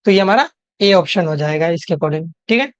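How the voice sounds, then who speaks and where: A woman's voice: on the low side, animated, dry recording. A young woman with an Indian English accent, explaining an English exam lesson step by step and often checking in with her listeners. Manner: explains step by step, repeats "theek hai?" to check in; reads English questions slowly. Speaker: tutor. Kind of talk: exam-prep lecture in Hinglish. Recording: dry, slightly dull home recording.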